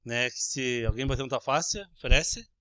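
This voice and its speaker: A Brazilian man preaching a sermon as pastor, animated, acting out little everyday scenes with changing voices. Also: medium pitch, normal speed, smooth, no echo, clean studio sound. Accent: Brazilian Portuguese.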